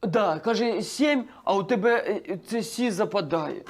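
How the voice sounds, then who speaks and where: In a comedy sketch, an actor plays a naive, dim-witted village pop star who sounds bewildered, stammers, and mixes Russian words into his Ukrainian. His male voice is high-pitched and a little slow.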